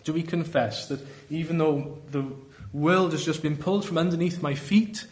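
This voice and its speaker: A man with a Welsh Valleys accent preaching a sermon in an earnest, deliberate way, often posing rhetorical questions. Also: on the high side, fairly even intonation, a little mellow. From South Wales valleys.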